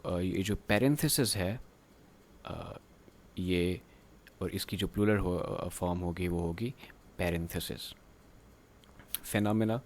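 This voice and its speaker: A male teacher with a deep, low voice gives a recorded grammar lecture. He works through each word slowly, pausing often. A faint hiss sits under the recording. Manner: slow, halting explanation, drawn-out pauses between words; reads textbook lines in English, explains in another language.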